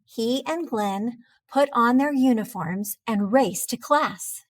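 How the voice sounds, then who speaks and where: A woman reading a children's storybook aloud, gentle and expressive. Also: on the high side, slow pace. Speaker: children's book reader.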